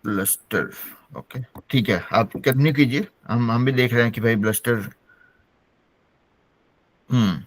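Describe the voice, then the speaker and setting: A man's voice: mid-range voice, a little slow, long pauses, no echo. A man from Bihar teaching an online English-speaking class over a video call, explaining patiently in a mix of Hindi and English. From Bihar, India.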